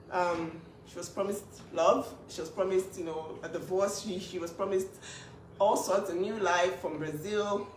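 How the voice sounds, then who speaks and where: In casual to-camera vlog talk, an older sister speaks up for her younger sister, sounding emphatic and indignant and restarting her sentences. Her voice is mid-range. The room is echoey, she sounds distant from the mic, and there's a bit of hiss or hum.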